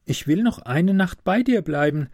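A man's voice: sits high, animated, moderate pace, a little mellow, dry recording, clean studio sound, voice pushed up. A man reading a storybook aloud and voicing a loyal, kind-hearted female swallow in a raised, pleading voice.

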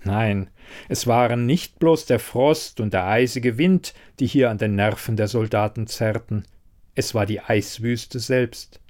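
Slow, steady male storyteller. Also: medium pitch. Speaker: audiobook narrator. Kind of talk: scripted narration.

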